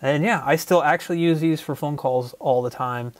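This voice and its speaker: A man's voice: a little high, moderate pace, dry recording. A man doing a casual, offhand microphone test, recorded through an earbud or headset mic with no processing. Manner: offhand, conversational. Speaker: tech reviewer. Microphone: wireless and wired earbud or headset mics, unprocessed.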